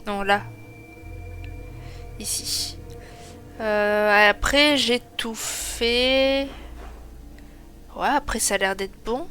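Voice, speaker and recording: A woman's voice: fairly high pitch, very slow, long pauses, bright, forceful tone. A woman giving chatty, self-mocking let's play commentary, thinking aloud as she plays. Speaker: gaming streamer. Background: game music.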